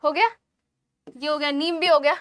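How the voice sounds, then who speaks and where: A woman teaching biology in an online exam-prep lecture, spelling out terms slowly and checking in with the class while she writes on screen. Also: high-pitched, steady tone, fairly bright tone, a little hiss or hum.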